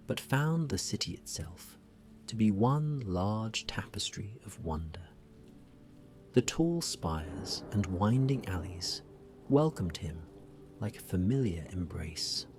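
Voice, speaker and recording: A man with a fairly low voice narrates a sleep story for grown-ups. His delivery is very slow, gentle and hushed. Soft music and rain play quietly behind him.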